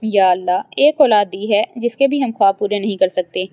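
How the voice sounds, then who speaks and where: A woman's voice: medium pitch, no room sound, natural voice. A woman voicing a loving middle-aged mother who dotes on her daughter, talking tenderly and soothingly. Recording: dry, slightly dull lo-fi.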